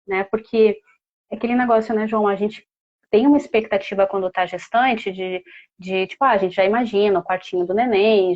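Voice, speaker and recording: A woman's voice: medium pitch, a little mellow, muffled recording. A mother speaking as a guest, telling a personal story in a heartfelt, casual way with many fillers.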